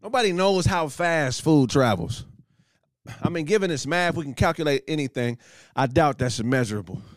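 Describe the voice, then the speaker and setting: A man's voice: a little high, animated, moderate pace, dry recording, studio quality. A man hosting a comedy podcast, riffing in incredulous, profane rants broken by laughter.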